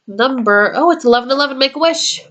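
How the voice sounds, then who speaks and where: A woman's voice: high voice, expressive, fast talker, fairly bright tone. Chatty woman in her twenties vlogging. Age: 20s. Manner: chatty, meandering, with frequent ums. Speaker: YouTuber. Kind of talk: casual vlog talk. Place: her room at home.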